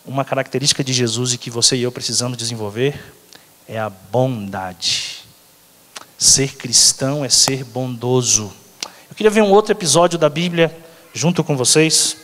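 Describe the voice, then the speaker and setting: A man's voice: medium pitch, moderate pace, fairly bright tone. A man with a Brazilian accent preaching a sermon as a pastor, talking conversationally and often checking in with the congregation. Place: church sanctuary. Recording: long church hall reverb.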